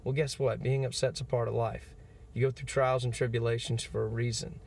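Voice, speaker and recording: A man's voice: mid-range voice, little pitch movement, a little fast, gravelly, a little mellow. Young man, twenties, motivational vlog, earnest and encouraging, casual fillers. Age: 20s. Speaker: motivational vlogger. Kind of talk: motivational talk to camera.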